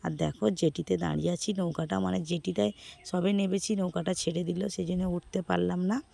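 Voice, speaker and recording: A hoarse woman from West Bengal narrating her casual vlog outdoors, chatting with viewers as friends. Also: lowish voice, fairly even intonation, a little fast, dark tone. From West Bengal, India. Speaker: vlogger.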